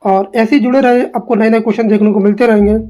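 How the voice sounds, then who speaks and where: A woman teaching an exam-prep English lesson, echoing her own answers back as questions and reading quoted lines slowly. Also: fairly high pitch, fairly even intonation, mellow. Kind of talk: quiz answer walkthrough lesson.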